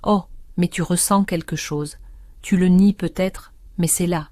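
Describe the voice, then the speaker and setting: A woman voicing a 65-year-old aunt who speaks calmly and steadily, with quiet resignation. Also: lowish voice, no room sound, natural voice. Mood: calm intimate. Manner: calm, measured, intimate.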